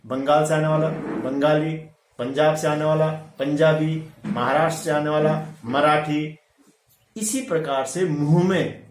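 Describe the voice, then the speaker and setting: A man teaching a pronunciation lesson to students, saying each sound slowly and repeating it for them to echo. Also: a little high. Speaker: Hindi teacher. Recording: echoey room.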